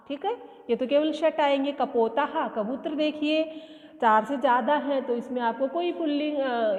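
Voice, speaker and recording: A woman teaches a school lesson, working through exercises step by step and asking questions she answers herself. Her voice sits high, and the tinny, phone-like recording carries a long reverb, as if made in a large bare room. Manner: asks questions and answers them herself, slow repetitive explaining. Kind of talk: classroom lesson explaining exercises.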